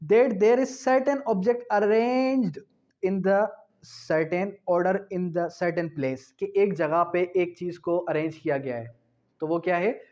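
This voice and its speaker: Speaking in a high, slightly mellow voice with a Pakistani accent, a law lecturer walks students through exam material. He reads out definitions didactically, echoing key phrases and asking rhetorical questions, and switches between Urdu and slow English. The lecture is captured in dull, lo-fi sound.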